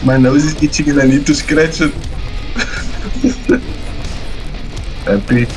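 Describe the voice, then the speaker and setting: A man's voice: fairly high pitch, steady tone, fairly quick, music in the background. A man chatting casually while playing a co-op game with a friend, laughing, teasing and calling out moves. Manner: playful, teasing, laughing, shouting out calls. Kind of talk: casual gameplay chat.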